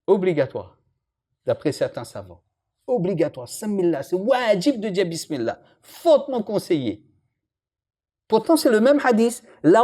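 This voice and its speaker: Lively man teaching a religious lesson. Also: high voice. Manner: lively, jokes with and questions the audience.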